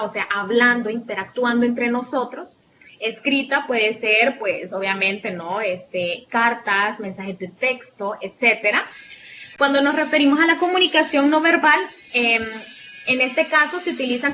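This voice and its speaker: A woman with a Salvadoran Spanish accent giving an online class lecture as a tutor. She explains patiently, asks her students rhetorical questions and often fills pauses with "este". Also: fairly high pitch, sharp tone, dull audio, a little hiss or hum. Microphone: video call.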